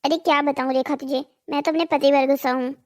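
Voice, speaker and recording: A woman's voice: high-pitched, steady tone, fast, lightly acted. A woman voicing a greedy, nagging village wife in a cartoon drama, scolding and pleading.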